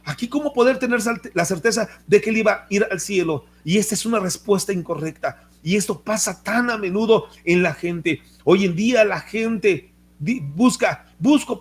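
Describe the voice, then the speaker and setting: Pastor guy preaching hard, high voice, acts out bible people's lines. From Mexico. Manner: impassioned preaching, quoting scripture and acting out voices of Bible figures. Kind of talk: sermon.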